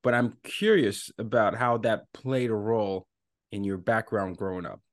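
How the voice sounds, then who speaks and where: A man's voice: fairly low pitch, normal speed, dry recording, studio quality. A man hosting a podcast who introduces his guest and asks eager questions, often restarting his sentences. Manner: laughs easily, eager, stumbling restarts. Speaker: podcast host. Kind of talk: podcast interview.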